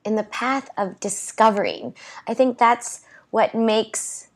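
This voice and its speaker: A young woman appears as a guest in a casual interview, speaking slowly in a fairly high voice on a clip-on mic. She gestures as she talks and rambles, leaning heavily on "like" and "you know what I mean."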